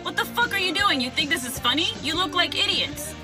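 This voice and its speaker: A woman's voice: fairly high pitch, very animated, normal speed. A woman playing a sassy, scolding young girlfriend in a cartoon. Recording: music behind the voice.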